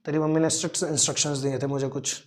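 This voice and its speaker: A male teacher who teaches a chemistry class, fondly teasing and mock-scolding his students while slowly spelling out formulas step by step. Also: a little high, level tone, darkish tone, a little hiss or hum. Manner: affectionate, teasing and scolding, calls students "beta".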